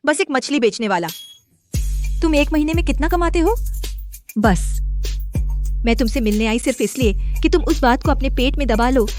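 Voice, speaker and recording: A haughty young heiress with a high, clear pitch, speaking curtly and coldly. Loud music plays behind the dubbed dialogue. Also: female voice, lively intonation, moderate pace, pauses often. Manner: cold, curt, commanding. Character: proud young female CEO heiress. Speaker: female lead. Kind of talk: Hindi dubbed short drama.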